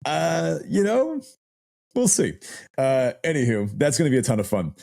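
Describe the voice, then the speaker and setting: A man co-hosting a casual podcast, still a little hoarse from losing his voice, talking with chatty enthusiasm and frequent laughs. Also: on the high side, wildly swooping pitch, normal speed, a little mellow. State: hoarse, voice not fully recovered. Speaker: podcast co-host.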